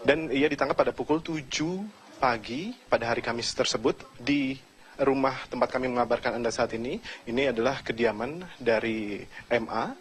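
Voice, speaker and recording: A man's voice: mid-range voice, moderate pace. A male TV reporter speaking in formal news diction, introducing the scene and politely questioning a family at their home. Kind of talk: news report and field interview. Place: small home, indoors.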